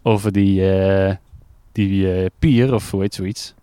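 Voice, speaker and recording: A curious man chats his way through an outdoor report, tripping over words as he asks questions. His voice is smooth and resonant, and it sounds dry and close to the mic. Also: low voice, fairly even intonation, slow pace, warm tone, no echo. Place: lakeside jetty outdoors in rain.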